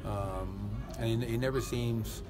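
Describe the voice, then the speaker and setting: Middle-aged coach, flat and measured. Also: male voice, fairly low pitch, a loud crowd. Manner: measured, flat delivery with frequent "uh" fillers and repeated words. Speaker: head coach. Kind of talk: postgame press conference. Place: indoor arena press area in front of a sponsor backdrop. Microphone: several handheld reporter microphones held close.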